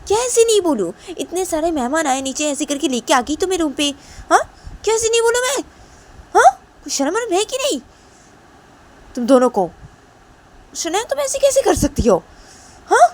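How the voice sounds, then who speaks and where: A woman voicing an angry mother scolding her grown daughter, shrill and loud. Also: very animated, normal speed, pauses often.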